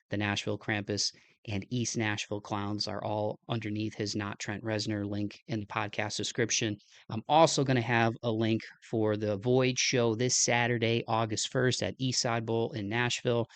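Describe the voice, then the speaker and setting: A man's voice: on the low side, fairly bright tone, no echo. A young man with a Midwestern American accent wrapping up his podcast episode in a loose, rambling way, with lots of fillers and restarts. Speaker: podcast host. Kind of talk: casual podcast outro.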